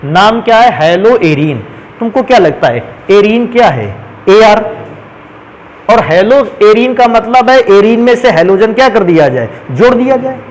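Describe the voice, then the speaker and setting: High-pitched male chemistry teacher, quizzing his class and answering himself, over faint background noise. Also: animated, moderate pace, rough recording. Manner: asks questions and answers them himself. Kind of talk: classroom lecture.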